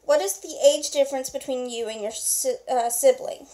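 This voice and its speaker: A woman hosting a home video, briskly reading questions to her husband and steering his answers. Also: sits high, dark tone. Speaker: vlog host interviewing her husband. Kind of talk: casual home interview. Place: home at night.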